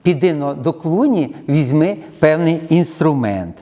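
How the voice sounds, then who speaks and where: A middle-aged lecturer with a Ukrainian accent, speaking in a measured way and pausing often with hesitation sounds as he explains words. His pitch moves about a lot and sits a little high. The room rings with a long reverb. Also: lively intonation, warm tone. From southern Ukraine.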